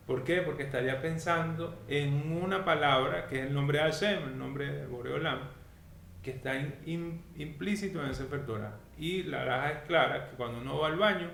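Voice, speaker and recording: A man's voice: fairly high pitch, fairly bright tone. A man teaching a weekly Torah lesson in a didactic way, often checking that his listeners follow. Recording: echoey room with faint noise.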